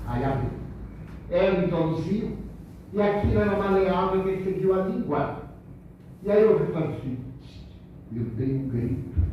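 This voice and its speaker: A man gives a storytelling religious lecture at a spiritist center. He is animated and acts out the dialogue in the first person. The sound is distant and lo-fi, in an echoey hall. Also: sits high, a little hiss or hum.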